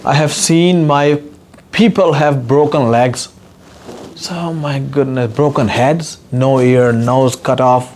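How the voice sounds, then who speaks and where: A man's voice: mid-range voice, a little mellow, a little hiss or hum. A man from Pakistan with a Pakistani accent, giving an earnest, emotional personal testimony as an activist guest speaker. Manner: earnest, impassioned, repetitive emphasis.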